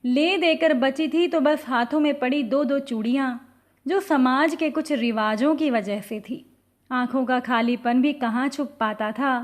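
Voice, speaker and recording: A woman narrating an emotional family story in a slow, feeling reading style. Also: high-pitched.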